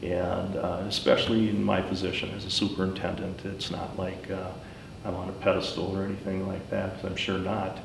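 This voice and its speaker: A middle-aged man giving a personal account in informal talk, speaking haltingly and pausing often mid-sentence. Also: completely flat delivery, gravelly. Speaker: school superintendent, former teacher. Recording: roomy, distant mic, faint rumbling noise.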